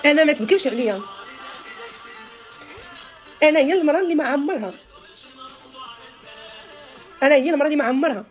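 This thirties-aged social media personality, Moroccan Arabic accent and all, speaks very fast in a high-sitting voice during a phone live stream in a small room. She's animated and emphatic, gesturing a lot as she chats to followers with the phone at arm's length, while faint music plays in the background.

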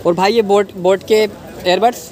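This market walk-through vlog comes from a young man in his twenties filming on a handheld phone at arm's length. His voice is high, his intonation fairly even and his pace slow as he chats with viewers, addresses them as guys and brother, and asks and repeats prices. The busy street crowd behind him is loud.

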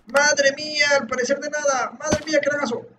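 A man giving excitable gameplay commentary, hyping himself up in a mock-heroic way and often exclaiming. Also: very high-pitched, a little fast, background noise. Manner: excitable, dramatic self-hype, mock-heroic third-person boasting; frequent exclaiming and shouting. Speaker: gamer playing a parkour map.

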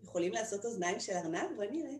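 A woman's voice: medium pitch, lively intonation. A woman performing for children, singing and talking playfully and coaxing the kids to join in. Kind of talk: sung and spoken children's show. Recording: echoey room with soft guitar. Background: guitar.

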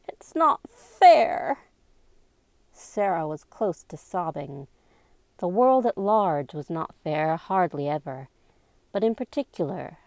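Low-voiced woman reading a novel aloud. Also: darkish tone, dry recording. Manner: raises pitch and slows down for dialogue. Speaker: amateur audiobook reader.

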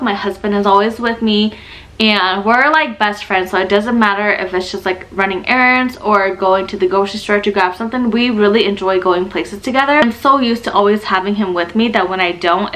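A young adult woman vlogs casually to her camera in a room at home, chatty and confiding, with a stuffy nose and slightly out of breath. Her voice is mid-range and a bit bright, and the recording is rough.

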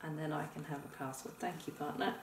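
A deep, steady-toned woman moves quickly as she instructs her partner through a board game, explaining each step and counting aloud like a teacher. They sit indoors with the game on a table, and a distant mic gives a roomy, noisy sound.

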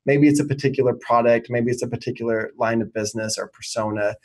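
A man's voice: mid-range voice, steady tone, fast talker, low-quality recording. Confident man in his thirties explaining. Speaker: marketing executive guest. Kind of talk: business interview answers. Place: home office, indoors.

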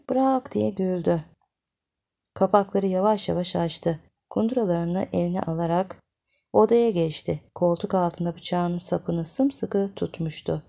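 A woman with a lowish, gravelly voice narrates a literary audiobook, reading from a novel. Her storytelling is measured and expressive.

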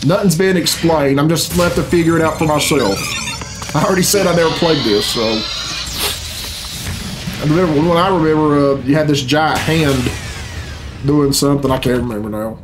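In his thirties and hosting a reaction video, this man speaks in a slightly high voice at a moderate pace, pausing often as he gives blunt, profane, grumbling reactions on the fly in a casual style. The recording is rough, made in a small furnished home room with game cutscene music.

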